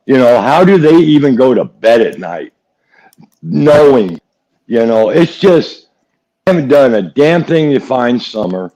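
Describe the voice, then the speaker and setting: A man from West Virginia, United States, co-hosts a live true-crime chat that's casual and opinionated, speaking in a folksy way and repeating himself for emphasis. His voice is mid-range and a little mellow, and the recording quality is low.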